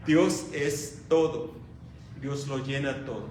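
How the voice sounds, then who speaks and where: A male pastor preaching a sermon, slow and dramatic, swinging from loud emphasis to hushed tones. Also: mid-range voice, a little hiss or hum. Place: church. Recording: echoey church hall, from far off.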